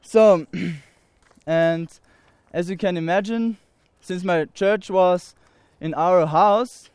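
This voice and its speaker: Addressing an audience, a 19-year-old man from Austria shares a sincere personal testimony in faltering English, pausing and restarting often, with an Austrian German accent. His voice sits high with a smooth, darkish tone, recorded without room sound.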